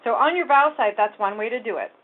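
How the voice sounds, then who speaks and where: A real estate tech trainer with a fairly high voice talks quickly through a screen-share software tutorial. She explains casually, step by step, while clicking, and the audio is tinny and narrow like a phone.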